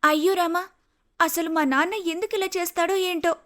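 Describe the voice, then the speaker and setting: A man's voice: very high voice, steady tone, moderate pace, bright, forceful tone, soft background music, pitched above the performer's own voice. A man voicing a worried young village woman in a cartoon story. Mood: alarmed. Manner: worried, pleading.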